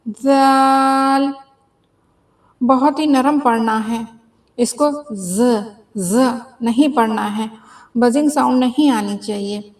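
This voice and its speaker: Slow, high-voiced woman teaching letter sounds. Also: darkish tone. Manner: repeats each letter sound three times, drawn out and deliberate; patient, instructive explanations. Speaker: Quran reading teacher.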